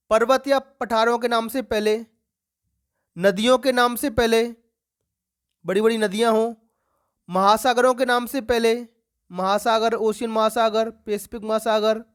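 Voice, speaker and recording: A woman teacher leads an exam-prep grammar lesson for schoolchildren. She keeps asking the class questions and then answering them herself. She repeats the key words slowly for emphasis. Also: mid-range voice.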